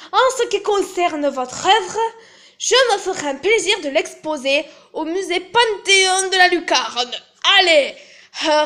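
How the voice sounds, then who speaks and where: A woman's voice: high voice, bright, forceful tone, pitched above the performer's own voice, heavily acted. A woman voicing a vain, flirtatious male German artist in an amateur drama, with a put-on German accent and a pompous manner. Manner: pompous, theatrical.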